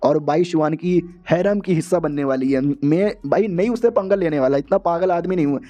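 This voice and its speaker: A man's voice: a little high, a little fast, mellow, natural voice. A man doing a panicky cowardly young hero. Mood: scheming. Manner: frantic, whiny. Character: panicky young male lead, cowardly and whiny.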